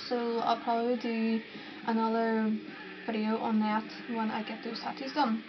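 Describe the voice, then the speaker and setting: Background noise is noticeable on this dull, lo-fi clip of a young Northern Irish woman talking casually to camera about viewer questions. In her Northern Irish accent she rambles chattily with fillers and restarts, using a fairly high voice, a level tone and a moderate pace.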